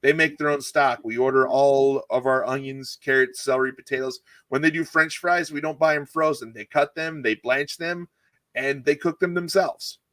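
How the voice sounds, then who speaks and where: A man's voice: mid-range voice, steady tone, moderate pace, fairly bright tone, no echo. A man, a culinary teacher, chatting casually in an interview, rambling and correcting himself as he explains recipes. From California. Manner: rambling, self-correcting, enthusiastic about food. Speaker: cooking channel guest, culinary teacher.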